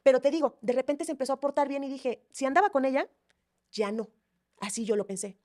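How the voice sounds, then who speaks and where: Woman guest, quick and animated storyteller, slightly high voice, acts out quotes. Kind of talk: emotional personal storytelling.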